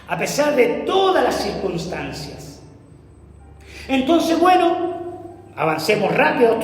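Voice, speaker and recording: In a large hall with a booming echo, a male preacher delivers an emphatic, dramatic sermon full of pauses. He keeps asking his congregation rhetorical questions.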